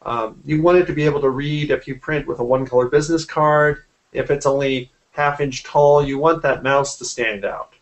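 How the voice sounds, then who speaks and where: On a video call from a room in his home, a forty-something graphic artist gives a relaxed interview about his work. His mid-range voice stays fairly even at a moderate pace, and the computer-mic audio is dull.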